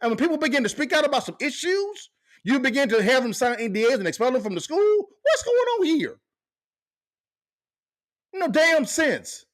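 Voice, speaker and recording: A man's voice: very high voice, sing-song, brisk, a bit bright. A man hosting a podcast, giving fired-up commentary and asking the same pointed questions again and again. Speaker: podcast host. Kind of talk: impassioned commentary.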